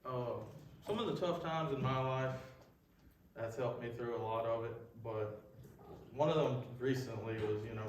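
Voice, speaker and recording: A man gives an informal, storytelling youth talk in a folksy, halting, conversational way. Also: mid-range voice. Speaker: youth group speaker. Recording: echoey room, far mic, faint noise.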